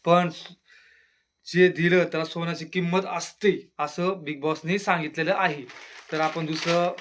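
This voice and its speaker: Chatty high-voiced man reviewing a show. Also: fairly even intonation, measured pace, fairly bright tone. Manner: chatty, exclaims, mimics housemates in lowered voice. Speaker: YouTube reality-show reviewer. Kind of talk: casual solo review monologue.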